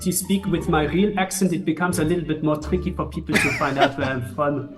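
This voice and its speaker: A man's voice: fairly high pitch, brisk. A man from Germany who runs a video game company, chatting playfully on a video call, laughing and restarting his sentences. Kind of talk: casual video-chat conversation. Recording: distant video-chat audio with music.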